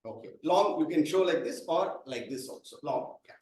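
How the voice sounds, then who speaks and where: A man's voice: a little high, expressive, normal speed, a little mellow. A man, presenting a speaking workshop and patiently calling up volunteers. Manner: explains patiently, calls up volunteers. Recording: echoey hall, mic from far off.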